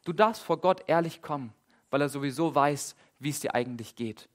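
A man preaching a sermon in a casual, lively way, with dramatic retellings and repeated phrases. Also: fairly high pitch, brisk.

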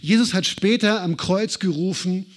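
A man's voice: high voice, normal speed. German man preaching, direct and personal. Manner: direct, personal address with rhetorical questions. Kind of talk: sermon.

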